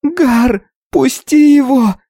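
A man's voice: extremely high pitch, slow, creaky, warm tone, pitched above the performer's own voice, full character voice. A man voicing a frightened eighteen-year-old girl who pleads in urgent cries. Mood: pleading.

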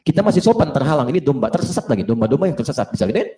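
Fast-talking male preacher in an echoey hall. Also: medium pitch. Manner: lively teaching, acts out dialogues, asks the audience questions. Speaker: Islamic preacher. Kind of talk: religious lecture to a live audience. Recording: roomy echo of a hall.

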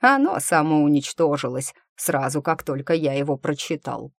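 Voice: mid-range voice, sing-song, normal speed, creaky, dry recording, studio quality. A reader voicing an old wry magic master. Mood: recounting. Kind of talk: audiobook character reading.

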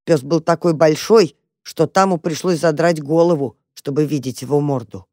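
A woman calmly and expressively narrating a children's tale as an audiobook. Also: sits low, moderate pace, dry recording, clean studio sound.

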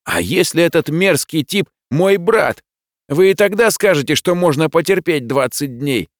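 A man voicing an indignant teenage boy who talks loudly and exasperatedly. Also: medium pitch, slow pace, dry recording, studio quality, voice pushed up, close to an everyday voice. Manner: loud and exasperated. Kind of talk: audiobook character voice.

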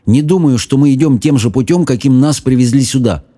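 A man's voice: medium pitch, fairly quick, dark tone, no echo, pitched above the performer's own voice, natural voice. A man voicing a nervous, curious young boy in a storybook reading. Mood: uneasy.

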